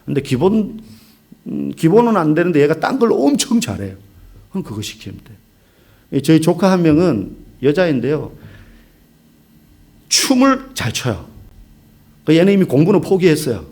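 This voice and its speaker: A male pastor in his forties preaching a sermon in a church, telling stories with humor and swinging from loud to hushed. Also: a little high, big pitch swings, normal speed, pauses often. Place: church sanctuary.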